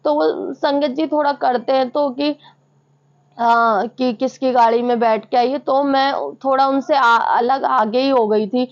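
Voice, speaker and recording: A woman's voice: high-pitched, fairly even intonation, a little slow. A young woman earnestly recounting a personal devotional experience to fellow devotees, often addressing them directly. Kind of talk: emotional testimony to a devotional audience. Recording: slightly dull lo-fi sound.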